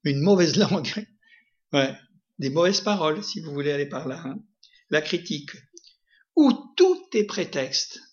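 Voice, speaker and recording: Guy preaching a sermon, keeps asking the crowd stuff, high-ish voice, bit muffled recording. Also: big pitch swings, moderate pace. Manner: conversational, asks the audience questions, frequent "hein".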